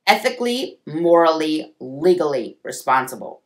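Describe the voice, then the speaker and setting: A woman's voice: low-pitched, sing-song, moderate pace. A woman doing a stern bald principal. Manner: stern, lecturing. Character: huge bald stern male school principal.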